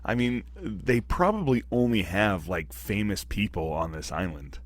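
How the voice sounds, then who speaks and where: A man hosting a podcast in casual chat, joking and reacting quickly. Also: fairly low pitch, expressive. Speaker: podcast host.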